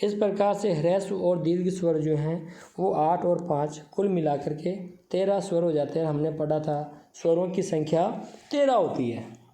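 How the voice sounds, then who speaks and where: A man's voice: on the high side, dark tone, echoey room. A man teaching a Sanskrit grammar lesson for exam preparation, reciting definitions and then explaining them plainly, drawing out vowels to show the sounds. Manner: drawn-out vowels when demonstrating sounds.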